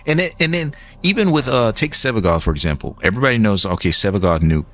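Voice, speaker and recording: A man's voice: on the low side, lively intonation, quick pace, a bit bright. A young man streaming a game and chatting in a loose, rambling way, full of restarts and "like". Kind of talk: casual gaming commentary.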